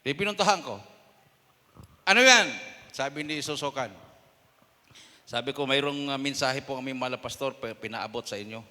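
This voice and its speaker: A Filipino man preaching a sermon testimony, telling a story and acting out quoted voices with sudden loud bursts. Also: medium pitch, brisk. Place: church hall. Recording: long hall reverb.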